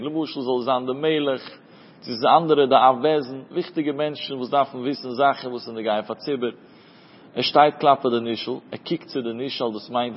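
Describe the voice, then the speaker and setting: A man's voice: medium pitch, slightly rough. Guy going through talmud in that singsong study chant, muffled audio with a long echo. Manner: chanting study singsong, mixing Hebrew terms into Yiddish-flavored German. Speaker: Talmud teacher. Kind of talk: Talmud lesson. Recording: dull audio in a reverberant room.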